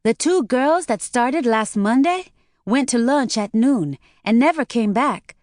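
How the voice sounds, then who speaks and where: A chatty young receptionist with a slight Chinese accent touched by a southern drawl, her bright voice lively and up high, as a woman narrator puts her on for an audiobook. The recording is dry and close to the mic. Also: unhurried, no room sound.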